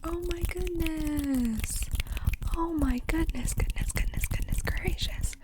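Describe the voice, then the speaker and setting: A woman whispering fast and softly in a chatty ASMR livestream, often repeating words in quick bursts. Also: high voice. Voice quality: soft, mostly unvoiced whisper. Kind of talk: whispered ASMR casual chat with viewers.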